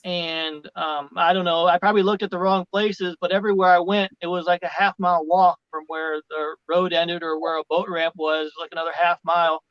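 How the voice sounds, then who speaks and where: A man's voice: high-pitched, level tone, fairly quick, few pauses, clear, resonant tone, no echo. A man speaking as a guest over a video call, hesitant and searching for words. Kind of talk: casual chat. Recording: dull dry video-call audio.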